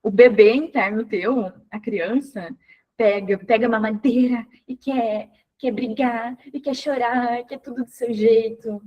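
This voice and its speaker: A woman with a fairly high voice leads a devotional talk in a conversational, animated way. She talks straight to her listeners and acts out little voices to make her points. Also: measured pace, muffled recording. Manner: speaks directly to listeners, calling them by name. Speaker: speaker at a women's devotional program.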